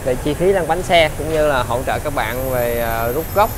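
A man with a southern Vietnamese accent and a mid-range voice gives a used-car sales walkaround in a large car detailing workshop, halting often and leaning on fillers. Steady workshop and vehicle noise fills the background, along with loud ambient hiss.

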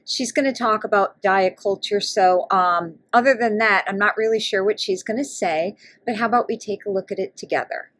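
A woman's voice: medium pitch, moderate pace, a bit bright, dry recording, clean studio sound. A woman hosting a reaction commentary video, talking casually and making sarcastic, mocking asides. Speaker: YouTube commentator.

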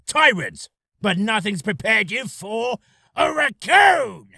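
A man's voice: sits high, vocal fry, sharp tone, dry recording, studio quality, heavily acted. A man voicing a cocky, aggressive raccoon space soldier who barks brash taunts for a voice reel. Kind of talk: character voice reel.

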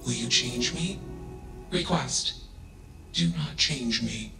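Flat emotionless ship ai, slow and gravelly, tags every line, echoey with music under it. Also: male voice, mid-range voice. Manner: clipped, monotone, labels each statement. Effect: synthetic, echoing machine voice. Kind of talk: video game dialogue. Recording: echoey room with game music.

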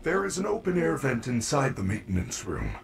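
A man voicing a gentle, caring animatronic bear robot in a video game, soothing, polite and protective. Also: medium pitch, sing-song, brisk, gravelly, a crowd in the background. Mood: reassuring.

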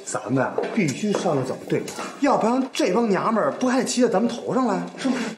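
An actor with a Northeastern Mandarin accent playing a scheming village man, coaxing and quick to backpedal. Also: high-pitched, very animated, heavy background noise. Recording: echoey room with a crowd.

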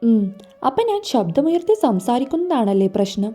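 A woman's voice: fairly high pitch, expressive, moderate pace, mellow. A woman voicing a stern, commanding young husband who gives curt orders in a storybook reading, over faint music.

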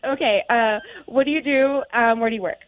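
A woman's voice: a little high, fairly quick. A woman in her twenties on a phone call, talking nervously with many hesitations. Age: 20s. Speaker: dating segment caller. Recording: tinny phone line.

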